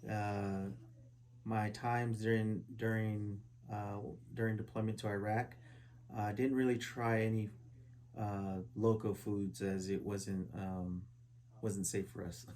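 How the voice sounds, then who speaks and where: A man in his forties from Southern California, a veteran answering oral history questions at a relative's house, halting with many fillers and restarts. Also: on the low side, little pitch movement, darkish tone. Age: 40s. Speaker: interviewee, Army veteran. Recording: poor quality home recording.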